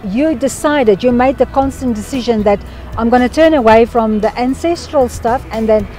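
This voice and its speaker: A woman's voice: a little high, moderate pace, warm tone. A woman interviewing church visitors politely, repeating her questions.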